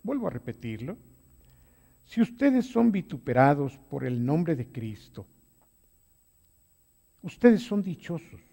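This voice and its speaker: A man leading a Bible study as a pastor, swinging between quiet low phrases and loud emphatic exhortations. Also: sing-song, slow pace, creaky, pauses often, long reverb tail. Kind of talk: sermon-style Bible study.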